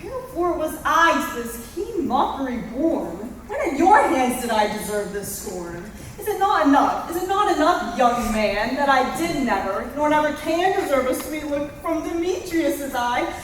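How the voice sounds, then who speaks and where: A woman's voice: high-pitched, sing-song, normal speed, hardly any pauses, slight background noise. A young woman playing a lovelorn young Athenian woman in a school stage play, pleading and plaintive. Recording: echoey hall from far off.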